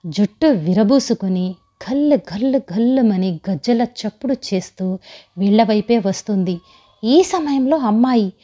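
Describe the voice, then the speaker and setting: A woman's voice: medium pitch, warm tone. A woman storyteller narrating a scripted horror story in a dramatic, suspenseful way. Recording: slightly dull lo-fi sound.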